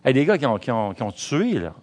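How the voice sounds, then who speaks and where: Here a middle-aged man delivers a sermon as pastor in a Quebec French accent. He's brisk and lively with a mid-range voice, calling out to his congregation.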